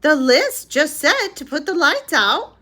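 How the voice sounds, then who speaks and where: A woman's voice: high-pitched, very animated, unhurried, sharp tone, pitched above the performer's own voice, exaggerated voice. A woman voicing a cheerful, earnest, literal-minded housemaid who is eager to please in a children's storybook. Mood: innocent, eager.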